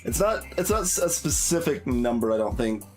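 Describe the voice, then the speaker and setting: A man with a darkish, mid-range voice talks briskly with big swings in pitch while hosting a let's play. Over game music, his casual commentary is hesitant and musing, breaking off mid-thought.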